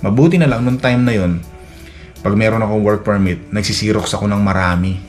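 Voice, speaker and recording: Lalaking mababa ang boses, nagkukuwento. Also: male voice, on the low side, brisk, a little mellow. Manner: rambling, many restarts and fillers, acts out quoted dialogue. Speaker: vlogger. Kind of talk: casual storytelling vlog. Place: Edmonton, Canada. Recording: faint music behind.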